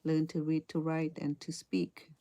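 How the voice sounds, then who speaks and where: This crochet instructor, a middle-aged woman from Cambodia, talks with a low, monotone, dark-toned voice at a measured pace. She chats hesitantly with live-stream viewers as she crochets, frequently repeating herself, and has a Cambodian accent.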